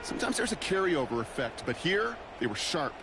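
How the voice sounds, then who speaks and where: A measured game color analyst. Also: male voice, on the high side, sing-song. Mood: analytical. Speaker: color commentator. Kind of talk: sports commentary. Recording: game audio with heavy background noise.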